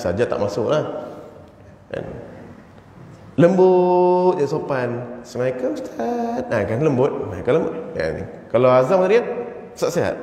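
A man's voice: mid-range voice, darkish tone. A man with a Malaysian Malay accent giving an evening religious lecture in a mosque, teaching in a chatty way and chanting short Quranic phrases to show pronunciation. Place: mosque hall. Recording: echoey mosque hall.

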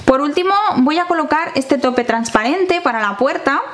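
A woman's voice: high voice, lively intonation, moderate pace, faint music behind. A woman in her thirties from Spain with a Peninsular Spanish accent, presenting a home how-to tutorial in a kitchen and explaining each step to viewers. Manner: friendly, explanatory, addresses viewers directly. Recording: echoey tiled kitchen.

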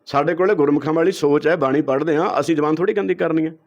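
A man's voice: fairly high pitch, rapid-fire. A man with a Punjabi accent, a guest giving heated interview answers, lecturing and throwing out rhetorical questions. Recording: dull lo-fi recording.

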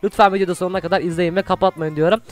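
A young man doing gameplay commentary, chatting with viewers and shouting excitedly during fights. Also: high voice, very fast, faint music behind. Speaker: gaming YouTuber.

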